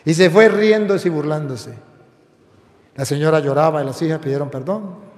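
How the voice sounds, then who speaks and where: Priest guy preaching hard, repeats himself for punch, pretty high voice. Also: normal speed. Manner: emphatic preaching with repeated phrases. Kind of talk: fiery sermon. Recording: echoey hall with long reverb.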